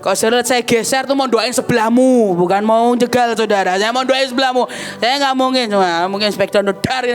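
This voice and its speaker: A woman pastor preaching a sermon as animated storytelling, often calling her listeners "saudara" and swinging between loud outbursts and quiet, somber stretches. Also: on the high side, a little fast, hardly any pauses, soft background music. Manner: bursts into shouts and laughs, then drops quiet and somber.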